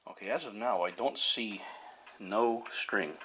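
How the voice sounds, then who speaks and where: A man with a lowish, sharp-toned voice speaks a little slowly, muttering tentatively as he works. He's a hobbyist presenting a radio repair video, giving casual hands-on commentary. The home recording is noisy, full of ticking and clicks.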